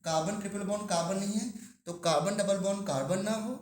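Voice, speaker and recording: A man teaching chemistry to a class, asking the students questions and drawing out key terms slowly. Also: high-pitched, darkish tone, reverberant. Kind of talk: classroom lecture.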